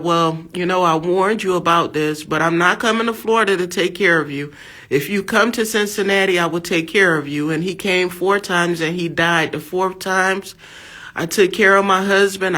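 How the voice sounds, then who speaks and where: Pushed and bright, this lowish female voice comes from an American woman in her fifties. She preaches fervently in a monologue of religious testimony, exhorting with emphasis and repeating her words.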